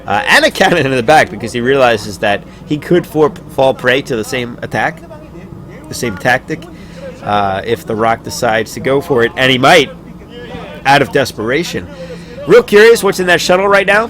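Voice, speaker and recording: Male solo streamer-caster, mid-pitched and relaxed, hiccups, spikes into excited calls on big plays. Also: moderate pace. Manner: casual and chatty, rising to excited shouts on big plays. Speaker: esports caster. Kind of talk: solo live-stream game commentary.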